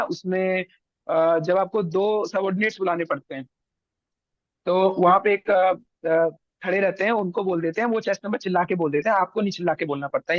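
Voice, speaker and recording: A young Indian man, a guest on an interview show, tells his story casually and animatedly, acting out other people's lines. His voice sits high. The recording has no echo, but the highs are cut off.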